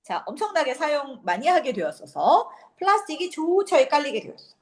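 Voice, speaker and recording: A woman teaching an English reading passage for a high school exam, explaining it casually and acting out quick asides and rhetorical questions. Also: sing-song. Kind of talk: exam prep lecture.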